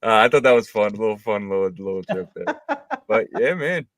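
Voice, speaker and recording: A man co-hosting a podcast, reading listener questions in a relaxed, joking manner. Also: fairly low pitch, fairly quick, gravelly, no echo, clean studio sound. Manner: relaxed, reads audience questions, jokey. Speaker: co-host. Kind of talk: casual podcast chat.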